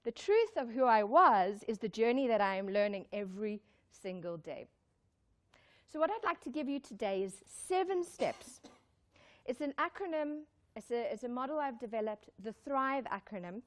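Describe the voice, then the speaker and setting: This Zimbabwe-born woman, raised in South Africa, gives an emphatic motivational talk live before an audience. Her pitch sits fairly high and swings widely at a normal pace, and she repeats key lines and puts questions to the crowd.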